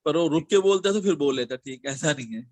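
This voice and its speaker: Middle-aged man, slightly high, dry sound. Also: expressive, quick pace, a little mellow, no echo. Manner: thoughtful, searching for words. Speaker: discussion participant. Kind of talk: casual group discussion.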